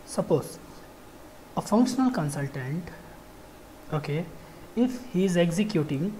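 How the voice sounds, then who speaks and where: A software trainer delivers an informal technical lecture in a halting, repetitive way, checking in with listeners often. The voice is medium-pitched, and the low-quality recording has slight background noise.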